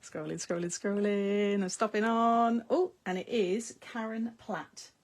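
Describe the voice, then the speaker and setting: A middle-aged British woman hosting a crafting livestream chats casually, reads her viewers' comments aloud and laughs often. Her mid-range voice has a darkish, steady tone and a slightly slow pace. She comes from the United Kingdom and speaks British English.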